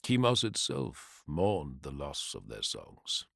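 A man voicing a calm, reverent male swordsman who tells a story in a low, hushed, slow voice. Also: creaky, no echo, clean studio sound, heavily acted.

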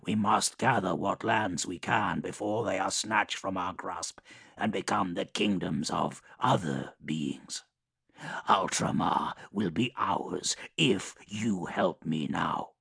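A man voicing an ancient, menacing male demon lord who speaks in slow, low, measured threats. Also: gravelly, fairly bright tone, husky, no echo, clean studio sound, heavily acted. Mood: cold, menacing.

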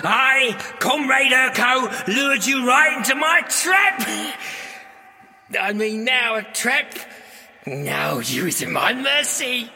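An actor playing a scheming, pompous little goblin revolutionary in an audio drama. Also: male voice, extremely high pitch, expressive, takes it slowly, vocal fry, sharp tone, big-room sound, faint music behind, full character voice. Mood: gloating. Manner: pompous, rabble-rousing oratory.

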